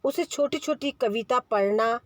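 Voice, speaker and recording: A woman's voice: on the high side, a little slow, no room sound. A middle-aged woman lecturing on child speech, earnest and explanatory, sometimes acting out parents' lines. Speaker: home science lecturer.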